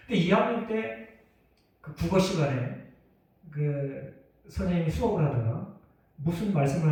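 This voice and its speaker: Preaching man in an echoey church. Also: on the high side. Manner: emphatic, swings from loud outbursts to hushed asides. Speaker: pastor. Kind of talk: sermon with personal story. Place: church sanctuary. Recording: echoey church hall from far off.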